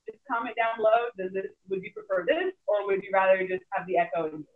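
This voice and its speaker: A co-host calling in on a live stream, whose voice sounds hollow and echoing, as if in a tunnel, speaking slowly and casually. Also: medium pitch. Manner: relaxed, speaks slowly on purpose. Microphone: phone call played through a Bluetooth speaker. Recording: dull, distant, lo-fi call audio.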